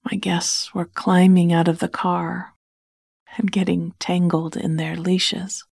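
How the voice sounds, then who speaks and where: A woman narrating a bedtime story in a soft, hushed, soothing whisper close to the mic. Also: lowish voice, level tone, slow pace, creaky, husky, no echo.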